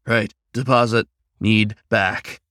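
A man voicing a confident, teasing male tiger who speaks in a low, slow purr. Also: expressive, a bit bright, dry recording, studio quality.

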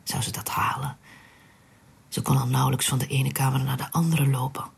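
A narrator reading a literary story aloud in a hushed, unvoiced whisper, in a whispered storytelling style. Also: medium pitch, little pitch movement, fairly quick, vocal fry, husky.

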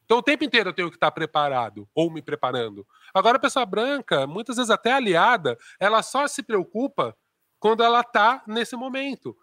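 A man with a notably high, bright, forceful voice talks animatedly in a casual group discussion. He is slangy and acts out quoted speech as he goes. The sound is dry and close, with no room ring. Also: very animated, a little fast, no room sound. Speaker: discussion panelist.

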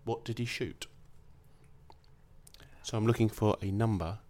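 A man's voice: fairly low pitch, a little slow, mellow. A man with an Essex accent, chatting casually and jokily as he hosts a podcast quiz. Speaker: quiz host.

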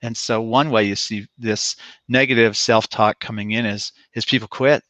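A man's voice: fairly low pitch, steady tone, normal speed, fairly bright tone, no room sound. A man working as a sports performance coach, answering interview questions in a casual storytelling way with fillers and restarts.

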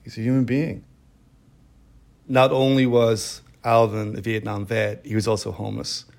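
A middle-aged man telling a personal story in an emotional, halting way, with many restarts. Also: lowish voice, little pitch movement, creaky, darkish tone. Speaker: storyteller guest. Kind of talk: personal story told in interview. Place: quiet room.

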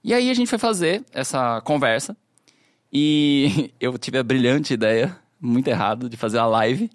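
A man's voice: medium pitch, expressive, unhurried, dry recording, studio quality. A man, a podcast guest, telling a story in casual chat and mimicking the people in it.

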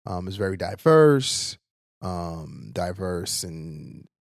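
A man talks in a low, easygoing voice, laughing readily and swearing casually. The recording is dry and close, with no room sound. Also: slow pace, vocal fry, no room sound. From Haiti, raised in New York. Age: 40s. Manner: relaxed, lively, laughs often, swears casually. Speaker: guest, brand founder. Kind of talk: casual interview chat.

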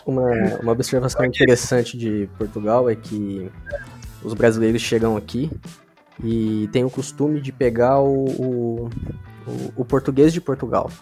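A man in casual podcast chat, telling a lively anecdote. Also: medium pitch, moderate pace, faint music behind.

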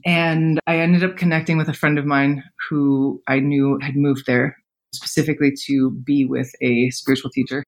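In a low-quality recording, a woman in her thirties guests on a podcast and recounts personal stories casually. Her voice sits low and her delivery is flat at a moderate pace, with frequent fillers and laughs.

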